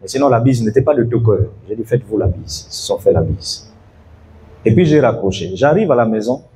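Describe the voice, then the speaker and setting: A man's voice: lowish voice, animated, fairly quick, warm tone, a little hiss or hum. A pastor preaching an evening sermon, telling a story and calling out to his congregation to follow him.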